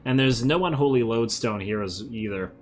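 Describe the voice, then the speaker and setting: A man's voice: medium pitch, a little fast, faint music behind. A man giving casual, think-aloud commentary while playing a strategy game, self-amused and slightly losing his voice. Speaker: strategy game let's-play host.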